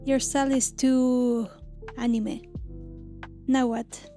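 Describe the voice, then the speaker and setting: A woman in her thirties from Argentina, an illustrator narrating her own story in a gentle, reflective scripted voice-over. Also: high voice, little pitch movement, slow pace. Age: 30s. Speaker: illustrator and channel host. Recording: lo-fi music bed under voice.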